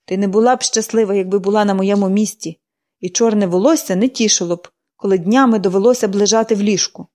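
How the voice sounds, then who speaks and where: A woman's voice: medium pitch, fast, darkish tone, natural voice. A woman doing a peevish bedridden old woman. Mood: irritable. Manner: peevish, grumbling. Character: irritable bedridden older woman.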